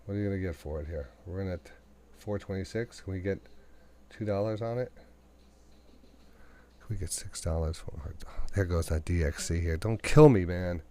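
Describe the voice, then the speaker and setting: Man, New York accent, deep voice, live trading commentary, talks to himself. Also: moderate pace, pauses often, warm tone, slight background noise. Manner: thinks aloud, talks to the market and himself. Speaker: day trading radio host.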